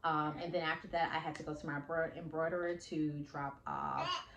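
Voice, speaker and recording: A woman's voice: deep voice, flat delivery, fairly quick, fairly bright tone. A woman fashion designer talking casually to her vlog audience, explaining her business in a chatty way with frequent fillers. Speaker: independent fashion designer and vlogger. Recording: echoey room.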